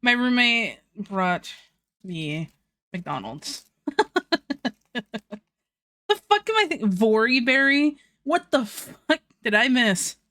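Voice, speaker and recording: A woman's voice: a little high, big pitch swings, takes it slowly, long pauses, sharp tone, no room sound, clean studio sound. A young woman streaming, chatting casually with viewers while eating, laughing often and swearing freely.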